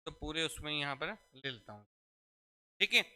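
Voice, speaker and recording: A man's voice: fairly high pitch, expressive, moderate pace, pushed and bright. A man teaching a classroom grammar lesson, repeatedly asking questions and answering them himself. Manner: repetitive call-and-response questioning. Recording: echoey hall reverb.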